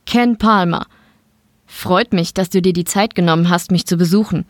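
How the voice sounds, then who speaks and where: A woman voicing a smug older male mafia boss with a calm, menacing manner. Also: lowish voice, moderate pace, no echo, clean studio sound, natural voice.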